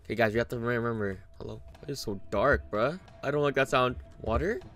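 A young man doing horror game commentary, jumpy and talking to his viewers, with sudden yelps and shouts at scares. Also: mid-range voice, quick pace, faint music behind. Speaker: gameplay streamer.

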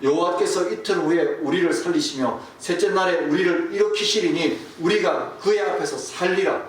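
A man's voice: high-pitched, moderate pace. Preaching man in an echoey hall. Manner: storytelling preacher, drops to a hush and then rises. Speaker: pastor. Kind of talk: sermon. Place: church sanctuary. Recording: distant, echoey room with faint hiss.

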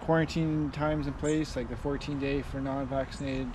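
A man in his thirties chatting casually in an outdoor vlog, relaxed and rambling with lots of fillers, filmed at arm's length in a backyard. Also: mid-range voice, normal speed. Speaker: vlogger, hotel worker. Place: backyard patio outdoors, roosters crowing. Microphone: camera at arm's length. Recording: outdoor recording with loud rooster noise.

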